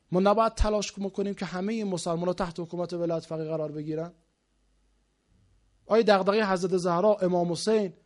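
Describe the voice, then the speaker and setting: Male preacher, high-pitched tenor, fervent sermon delivery, volume swings from hushed to booming, lots of rhetorical questions. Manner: impassioned, with rapid rhetorical questions; swings from low murmurs to loud exclaiming. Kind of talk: religious sermon.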